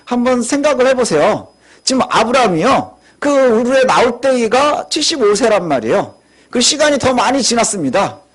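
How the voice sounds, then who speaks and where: A man's voice: very high voice, sing-song, moderate pace. A male pastor preaching a sermon, telling the story with rhetorical questions.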